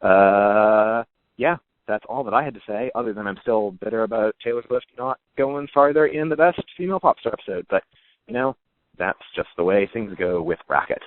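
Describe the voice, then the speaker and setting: A man's voice: lowish voice, animated, moderate pace, no echo. A man leaving a chatty, wry, rambling voicemail over a landline phone. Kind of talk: casual phoned-in voicemail message. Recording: tinny, dry phone line.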